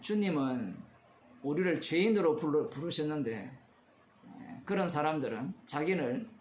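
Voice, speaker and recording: A man's voice: a little high, lively intonation, normal speed, darkish tone, reverberant, slight background noise. A male pastor giving a conversational expository sermon, asking his congregation questions as he explains the text. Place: church.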